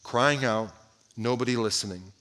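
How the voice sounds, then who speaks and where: A pastor delivers a sermon in a bright, forward voice that sits at an ordinary male pitch. He presses his listeners with one direct question after another. He repeats and restarts phrases and often lets the ends of lines fall almost to a murmur. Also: normal speed. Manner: drops to a hushed voice at the ends of phrases.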